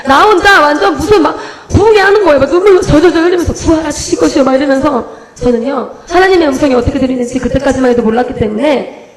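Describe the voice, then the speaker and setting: A young woman evangelist giving her testimony at a church service, telling the story in an animated way and acting out her own prayers. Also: sits high, quick pace. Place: church sanctuary. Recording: echoey church hall.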